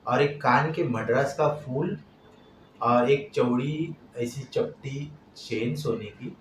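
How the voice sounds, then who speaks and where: Heartfelt middle-aged man, distant echoey mic. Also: medium pitch. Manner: halting, heartfelt, voice swells and drops. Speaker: vlogger. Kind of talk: emotional personal storytelling. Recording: echoey, distant, noisy room.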